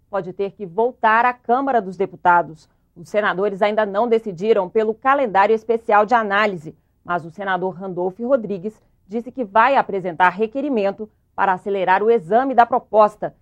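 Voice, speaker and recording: A Brazilian woman anchoring a television news bulletin, reading in a measured, formal way. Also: medium pitch, highs cut off. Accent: Brazilian Portuguese.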